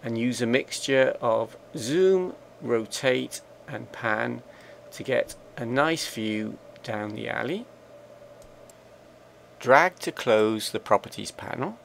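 A man narrating a software screencast tutorial, calmly giving slow step-by-step commands. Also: medium pitch, creaky, a little hiss or hum. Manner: slow, measured, instructional commands.

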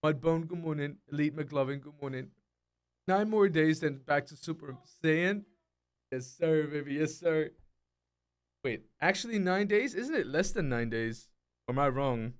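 A man's voice: a little high, lively intonation, moderate pace, smooth. A young man live-streaming a game, chatting casually and greeting his chat one by one in a laid-back way.

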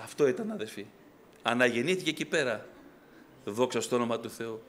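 A middle-aged man preaching a fervent Pentecostal sermon, swinging from loud exhortation to quiet storytelling. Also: mid-range voice, animated, slight background noise. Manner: fervent preaching, rising loud then dropping to soft storytelling. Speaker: pastor.

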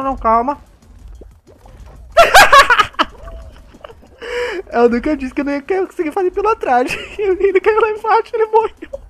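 Excitable Brazilian gamer guy. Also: high-pitched, slight background noise. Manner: excitable, laughs a lot, talks to other players. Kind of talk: gameplay commentary.

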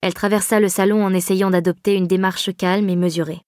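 A woman reading a novel aloud in a measured, even storytelling manner. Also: mid-range voice, no room sound, studio quality. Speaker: audiobook narrator. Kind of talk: scripted narration.

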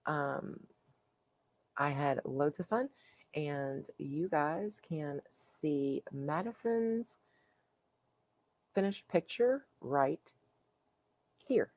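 A woman hosting her own coloring channel, chatting casually and haltingly with plenty of fillers as she shows her finished pages. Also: deep voice, animated, darkish tone. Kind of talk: casual show-and-tell.

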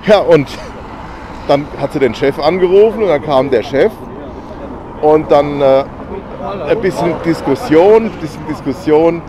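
A man's voice: a little high, a little slow, long pauses, crowd noise. A man in his sixties chatting casually as a travel vlogger, telling stories with fillers, filmed outdoors on a selfie camera at arm's length. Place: outdoors on a harbour bridge. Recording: outdoor noise, traffic behind.

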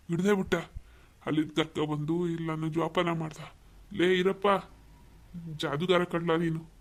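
A man voicing a grateful older man who is slowly getting his speech back, talking haltingly in a cartoon. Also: a little high, natural voice. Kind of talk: cartoon voice acting.

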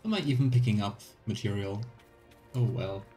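Speaking at normal speed with a fairly low, dark voice, a thirties male streamer narrates his let's play, reading game text and offering short musings. Soft background music plays alongside clear background noise and game ambience in his small indoor room at home.

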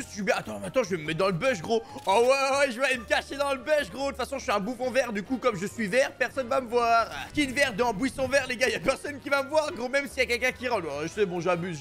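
High-voiced excitable young gaming man. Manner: animated, slangy, keeps saying "gros" and "mec". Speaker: gaming YouTuber. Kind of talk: excited Fortnite gameplay commentary.

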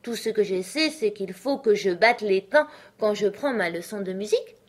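A woman voicing Alice, a curious, polite young girl, in a storybook reading with a high, earnest voice. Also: expressive, normal speed, natural voice.

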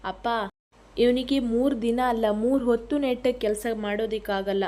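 A woman's voice: fairly high pitch, fairly even intonation, moderate pace, warm tone, natural voice. A woman reading the lines of a blunt, mocking grown son in a retold family story. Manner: teasing, sarcastic remarks.

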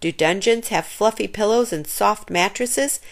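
A woman's voice: mid-range voice, measured pace, lightly acted. A woman reading aloud the lines of a level-headed young schoolboy in a children's storybook, matter-of-fact in tone.

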